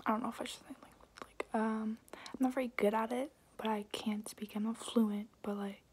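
A young adult woman whispering softly and close up in a hesitant, rambling, casual ASMR question-and-answer style. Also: fairly high pitch, fairly even intonation, moderate pace, a little hiss or hum. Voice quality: breathy, unvoiced whisper. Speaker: ASMR video creator. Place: small room indoors, at home.

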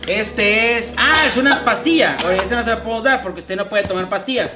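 A man's voice: high voice, lively intonation, brisk. A man playing a naive, childlike silly clown who plays doctor in a kids' slapstick sketch, babbling and repeating himself. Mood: playful, fussing. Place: living room at home. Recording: loud music over voice.

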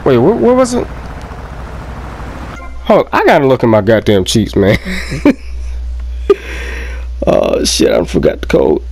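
A young man giving loud, profane, joking let's play commentary and laughing often. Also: mid-range voice, huge pitch swings, unhurried, long pauses, a little hiss or hum. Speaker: gameplay commentator.

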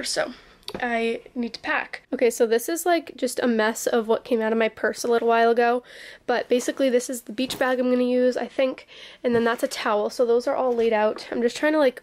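A woman in her twenties chatting casually to her camera at arm's length in her bedroom, with lots of ums and likes. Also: on the high side. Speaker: vlogger. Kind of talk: casual vlog chat. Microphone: handheld camera at arm's length.

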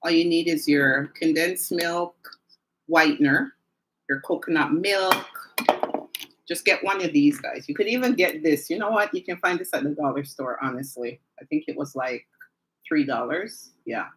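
She has a deep voice and talks at a normal speed, with noise in the background. Streaming live from home on a phone or camera mic, she chats casually, laughs frequently, and speaks directly to her viewers.

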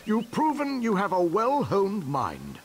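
An actor playing an old male officer who poses riddles, with a measured, cryptic manner. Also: sits high, huge pitch swings, soft background music, full character voice. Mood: approving.

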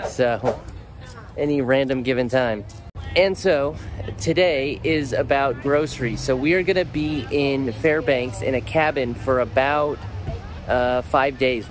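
A man in his forties vlogs outdoors beside his motorcycle, telling the day's story in a wry, matter-of-fact way for a casual travel vlog. His voice is mid-range, captured by a phone or action camera held at arm's length, with a little hiss or hum.

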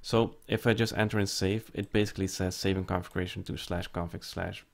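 Deep, gravelly, and steady, the man talks a little fast as he types commands for a screen-recorded network tutorial. His step-by-step explanation is casual and full of fillers.

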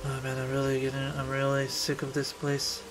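A man's voice: mid-range voice, monotone, normal speed, over music. A man from Israel, rambling through casual gameplay commentary as a streamer and thinking aloud.

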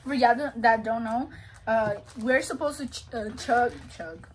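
A woman's voice: fairly high pitch, unhurried, a little hiss or hum, poor audio. A young woman chatting casually as co-host of a vlog, recorded in a small room. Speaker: channel co-host. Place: small bedroom, indoors.

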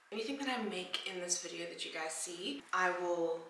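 A woman's voice: on the low side, lively intonation, moderate pace, bright, forceful tone, a little hiss or hum. A young South African woman chatting casually to her phone camera in a vlog, playful and laughing at herself, sometimes dropping to a near-whisper. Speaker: vlogger. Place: room at home, indoors. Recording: echoey room.

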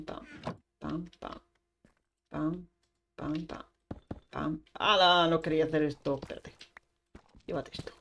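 Slow, chatty woman narrating gameplay. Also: sits low, creaky. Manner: chatty, narrates every action with sound effects. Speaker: streamer. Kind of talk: live gameplay commentary. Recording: faint background noise with clicks.

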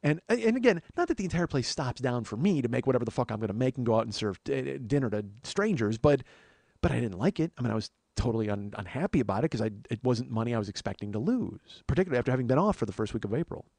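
On his comedy podcast, a middle-aged man chats casually in a profane, rambling comic monologue, derailing himself with tangents and getting heated. His medium-pitched voice is expressive and fast, with vocal fry and a darkish tone, recorded dry.

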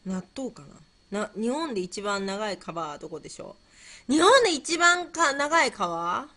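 Her voice is mid-range, very animated, pushed and bright, and she keeps a moderate pace as she hosts a laid-back livestream. She fumbles playfully through quiz questions, chats with viewers, and muses aloud while repeating herself.

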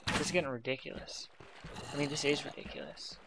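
A man's voice: mid-range voice, steady tone, brisk, vocal fry, very noisy. Exasperated man muttering through a game. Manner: exasperated, muttering to himself, frequent sighs. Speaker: let's play commentator. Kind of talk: casual gameplay commentary.

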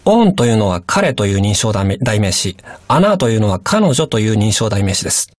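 A man as language teacher, giving a radio language lesson in polite, measured explanations. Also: on the low side, sing-song, no room sound, studio quality.

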